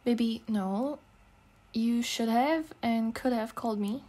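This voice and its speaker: Speaking slowly in a fairly high voice with a dark tone, a young Eastern European woman performs an ASMR girlfriend roleplay. She's intimate and casual, slangy, teasing and warm.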